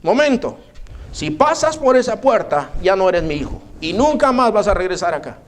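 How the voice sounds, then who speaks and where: A woman's voice: mid-range voice, big pitch swings, normal speed, pitched above the performer's own voice, natural voice. A man preacher voicing a stern older mother who harshly disowns her son. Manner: harsh, scolding.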